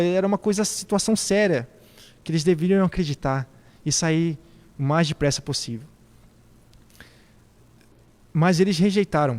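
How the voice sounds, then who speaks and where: Male preacher giving a sermon, somewhat high voice, long hall echo, thoughtful. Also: darkish tone. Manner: reflective, poses questions to the congregation.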